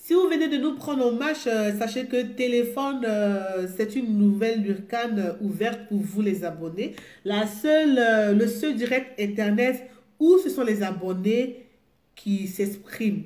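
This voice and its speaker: In an echoey room with music on, a woman with a highish, slightly mellow voice takes her time. Fighting a cold, she hosts a live call-in program, talking casually, stumbling over fillers and saying things more than once.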